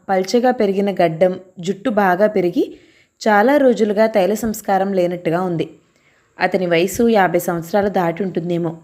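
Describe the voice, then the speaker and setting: A woman narrating an audio story in a slow, measured reading style. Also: medium pitch, a little mellow.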